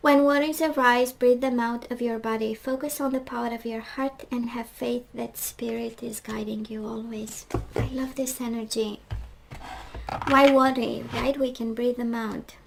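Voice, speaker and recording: A woman with a voice that is going hoarse, chatting casually through a tarot card reading and often asking "right?". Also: fairly high pitch, fairly even intonation, normal speed, few pauses, a little hiss or hum, low-quality recording. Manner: chatty, reflective, frequent "right?" and "we do have". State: losing her voice, clearing throat. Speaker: tarot reader.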